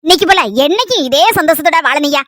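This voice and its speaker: A doting old village grandmother with a Kanyakumari Tamil accent, put on by a woman, rambling fondly and calling everyone her dear. The voice is high and bright, and it runs along quickly. The comedy-skit recording is dry and close. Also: no echo.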